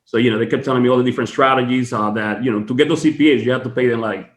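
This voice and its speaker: A man's voice: mid-range voice, fairly even intonation, rapid-fire, echoey room. A man from the Dominican Republic, a podcast guest, telling his story in casual, chatty talk full of fillers from his home office. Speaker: guest, tax strategist.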